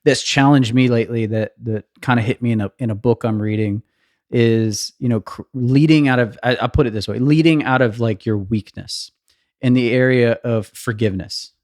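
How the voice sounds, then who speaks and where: A man in his thirties co-hosting a casual podcast, reflective and earnest, often circling back and restarting his thoughts. His voice sits at an ordinary middle pitch. The sound is dry and close, with no room around it. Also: moderate pace, darkish tone, dry recording. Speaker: podcast co-host.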